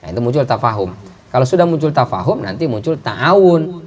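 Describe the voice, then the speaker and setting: A man's voice: medium pitch, fairly quick, slightly rough. A middle-aged man preaching a sermon, telling stories and acting out the voices of the people in them. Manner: lively storytelling, acting out voices of characters. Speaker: Islamic preacher.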